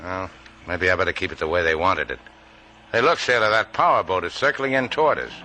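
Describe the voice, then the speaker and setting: An actor playing a tough, blunt boat captain, clipped and dry in a 1950s radio drama. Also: male voice, deep voice, a little fast, sharp tone, slight background noise. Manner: hard-bitten, clipped and dry.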